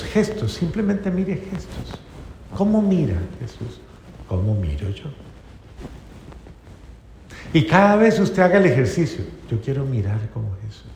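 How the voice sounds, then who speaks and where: Gravelly-voiced male preacher in echoey hall. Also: fairly high pitch, a little hiss or hum. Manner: rhetorical questions, drops to soft tender tones. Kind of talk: sermon. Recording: echoey hall with faint ambience.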